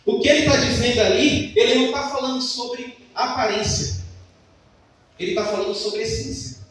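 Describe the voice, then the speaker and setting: Speaking at a normal pace in an extremely high, slightly bright voice, a man delivers an emphatic sermon packed with personal stories. The sound comes from a distance in an echoey church hall.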